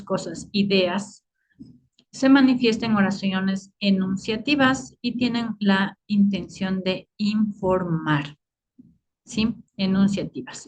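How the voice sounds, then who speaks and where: A woman's voice: mid-range voice, low-quality recording. Woman teaching over a video call. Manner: explanatory, many fillers and checking questions. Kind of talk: online lecture.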